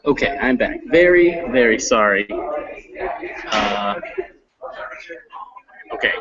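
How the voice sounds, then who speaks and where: Music plays in the background of this dull-sounding clip, where a man gives casual instruction in an online English reading class from a classroom he doesn't usually use. His mid-range voice has lively intonation and takes things slowly. He's friendly but a bit hesitant, dropping lots of fillers.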